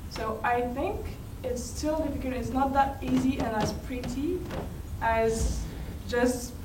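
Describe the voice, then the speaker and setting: A woman's voice: high voice, steady tone, slow pace, background noise. A woman speaking in a rambling way with loose restarts during a discussion. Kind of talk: panel discussion. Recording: echoey room mic from a distance.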